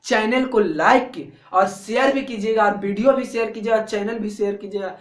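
A man's voice: high-pitched, normal speed. Bihari-accented man drilling biology answers. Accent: Bihari Hindi. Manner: drills answers by repeating them in a chant; colloquial and coaxing, keeps checking "theek hai na". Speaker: biology teacher. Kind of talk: exam-prep lecture. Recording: echoey room.

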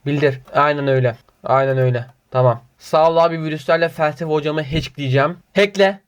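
A man's voice: on the high side, brisk, smooth. A man reading viewer comments in a casual vlog, teasing and mock-indignant, muttering repeated filler phrases in a sing-song way.

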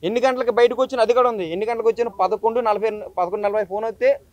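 A man's voice: very high-pitched, rapid-fire, a little mellow. A YouTuber man, telling his story to a press meet in an urgent, impassioned way. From Visakhapatnam, India. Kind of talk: emotional press statement.

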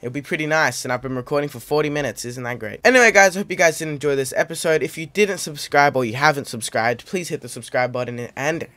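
A man giving excitable let's-play commentary as host of his gaming channel, yelping and shouting at every mishap. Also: a little high, quick pace, few pauses, no room sound.

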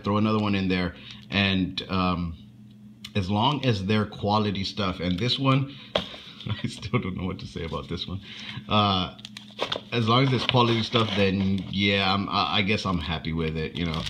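A man with a fairly low voice talks loosely through an unboxing, stopping and restarting often and swearing as he goes. A faint hiss sits under his voice. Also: pushed and bright. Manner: rambling, profane, halting. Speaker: unboxing vlogger. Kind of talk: casual unboxing commentary.

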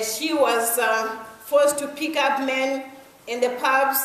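A woman reading a report aloud, slightly halting. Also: high voice, fairly bright tone, slight background noise. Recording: echoey hall from far off.

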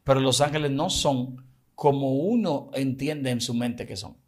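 A man's voice: mid-range voice, measured pace, breathy edge. A man from the Dominican Republic with a Dominican accent, explaining emphatically and telling anecdotes in casual religious podcast talk. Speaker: evangelist podcast guest.

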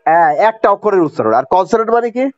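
Speaking in rapid-fire bursts with a sing-song lilt, a male teacher with a Bangladeshi accent teaches a grammar lesson in class. His voice is fairly high, and he restates each rule while repeatedly making sure students understand. The recording is dry and somewhat muffled.

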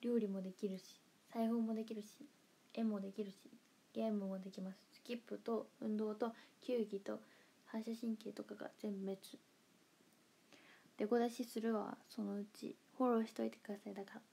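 A woman's voice: mid-range voice, level tone, brisk, vocal fry, warm tone, breathy edge. A young woman with a Kansai accent, chatting playfully on a livestream and reading comments aloud, with frequent giggles and murmured asides. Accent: Kansai Japanese. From Kansai, Japan. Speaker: idol livestreamer.

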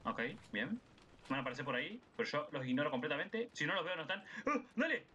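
A young man with an Argentine accent giving casual, excitable gameplay commentary, swearing and shouting at the game. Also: a little high, fast, highs cut off. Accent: Argentine Spanish. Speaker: gaming YouTuber. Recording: noisy game audio with gunfire behind.

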